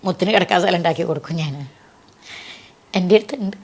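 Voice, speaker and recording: A woman being interviewed, telling a personal story in an earnest, tender way that sinks soft at the saddest points. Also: fairly low pitch, quick pace, gravelly, slightly rough. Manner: earnest and tender, voice sinking soft at sad moments.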